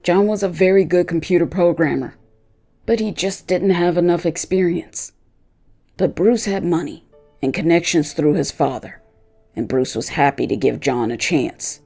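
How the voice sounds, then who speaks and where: The vengeful, faithful dog recounts his story himself through a narrator's medium-pitched, gravelly but softened voice. Faint music plays beneath his slow, dramatically shaped lines.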